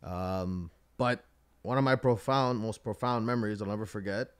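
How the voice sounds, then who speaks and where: A man hosting a casual interview, talking informally in halting, trailing phrases. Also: fairly low pitch, smooth. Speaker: podcast host interviewing his grandmother.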